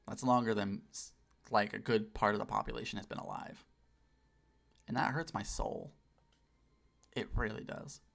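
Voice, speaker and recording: A man's voice: on the low side, gravelly, a bit bright. A man in his late twenties chatting casually on a game livestream, putting on a customer service voice, sweary and self-deprecating. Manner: customer service voice, deliberately lifted. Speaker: game streamer. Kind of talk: casual livestream chat while playing.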